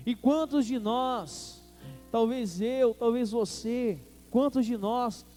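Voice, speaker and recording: A man's voice: very high voice, takes it slowly, mellow, soft background music. A man with a Brazilian Portuguese accent preaching a sermon as pastor, calling out to the congregation. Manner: preaching with call-and-response to the congregation.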